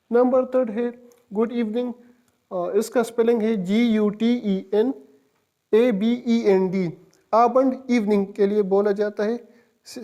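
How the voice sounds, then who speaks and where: Slow, mellow-voiced man teaching a lesson. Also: high-pitched. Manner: patient, spells words letter by letter and repeats pronunciations. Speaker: language teacher. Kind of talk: explanatory online lesson.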